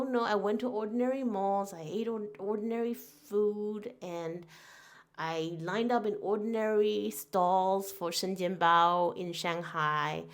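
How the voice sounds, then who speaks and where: A woman in her forties from Taiwan, hosting a podcast with an earnest, reflective monologue full of fillers and restarts. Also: mid-range voice. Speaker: podcast host.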